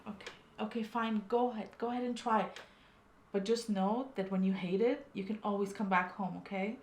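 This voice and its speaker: A woman's voice: medium pitch, normal speed, natural voice. Actress as a weary, stubborn middle-aged mother. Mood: resigned, stubborn. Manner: placating, firm, dismissive. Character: weary, evasive, stubborn mother of a grown son. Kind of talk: naturalistic film drama dialogue.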